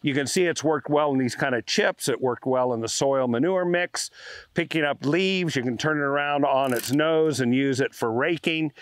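A man's voice: mid-range voice, moderate pace, no room sound. A man in his sixties, a channel host, giving a folksy, hands-on product review in a workshop and out in a farm yard. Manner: folksy, explanatory, hands-on demonstrating. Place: garage workshop, then outdoors on a farm yard.

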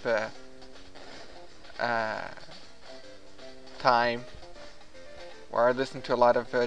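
Over his gameplay, a French-speaking gaming vlogger chats in a loose, halting way, leaning on lots of fillers. His voice sits mid-range with a slightly bright quality, and the recording is low quality.

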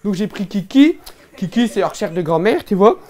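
A man's voice: sits high, lively intonation, brisk, mellow. A man with a Northern French ch'ti accent playing a boorish young lout in a one-man stand-up show, rambling and slangy with lots of fillers. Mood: brash boastful. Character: boorish young ch'ti man, brash, absurd, loud-mouthed. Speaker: stand-up comedian in character.

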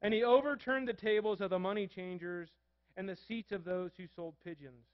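A man's voice: sits high, fairly even intonation, moderate pace, no room sound, highs cut off. A man preaching a sermon as a pastor, asking the congregation questions and reading scripture aloud.

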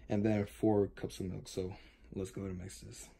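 A man's voice: on the low side, little pitch movement, a little fast, creaky. A young man giving a casual vlog demonstration in a home kitchen, recorded on a camera. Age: young adult. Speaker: vlogger. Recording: noisy kitchen, vacuum running.

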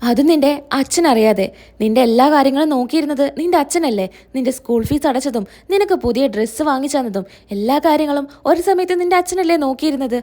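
A woman's voice: sits high, animated, fast talker, warm tone. A woman voicing a stern grandmother who scolds her family in a reproachful way. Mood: scolding.

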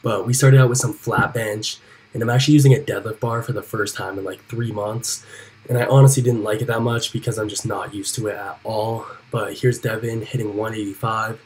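With a lowish, husky voice and a steady tone, a young man talks a little fast while giving a casual vlog tour of his house and describing his workouts. This fitness vlogger is laid-back and rambling, saying "like" constantly. He's shot handheld in the house and car, on a handheld camera and afterward a voice-over mic.

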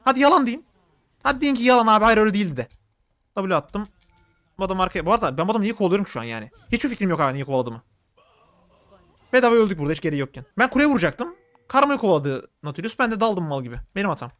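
A man streaming a video game, giving quick play-by-play and complaining about his teammates. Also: sits high, big pitch swings, a bit bright, no room sound. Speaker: gaming streamer. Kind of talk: live gameplay commentary.

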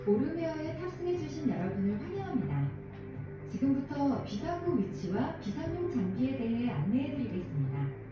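A woman's cabin announcement comes through a loudspeaker, polite and formal in an even announcer's delivery. Her voice sits high. It reaches the mic from a distance and echoes heavily, with music playing underneath. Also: normal speed, muffled recording. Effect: cabin announcement over a loudspeaker. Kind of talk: formal in-flight safety announcement.

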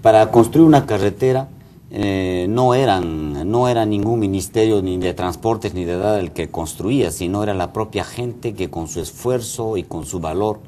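A man's voice: on the low side, normal speed, mellow, slight background noise. A middle-aged man from Peru, a mayor being interviewed in a TV studio, speaking earnestly with frequent hesitations. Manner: earnest, many hesitation fillers. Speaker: mayor and guest. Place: TV news studio.

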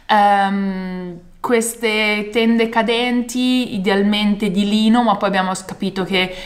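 A woman's voice: medium pitch, steady tone, slow. A woman of around thirty talking casually to camera in an emphatic, enthusiastic vlog style, drawing out words. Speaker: vlogger. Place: bright room at home.

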